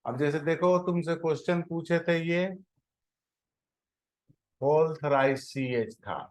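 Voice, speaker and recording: A man teaching a chemistry class, pausing to scold and prod his students to answer. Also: on the high side, darkish tone. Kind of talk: classroom lecture.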